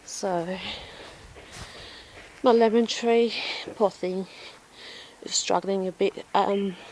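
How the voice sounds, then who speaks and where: Slow-talking woman touring her garden. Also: mid-range voice, steady tone, darkish tone, a little hiss or hum. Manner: chatty, self-deprecating, with frequent ums and laughs. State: slightly out of breath. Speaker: home gardener vlogger. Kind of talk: casual garden walkthrough. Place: outdoors in a backyard garden.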